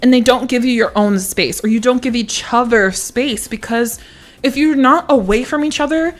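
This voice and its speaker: Giggly, swearing woman streamer, slightly high voice. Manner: swears casually and breaks into laughter. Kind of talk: casual livestream chat. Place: standing at a home streaming setup.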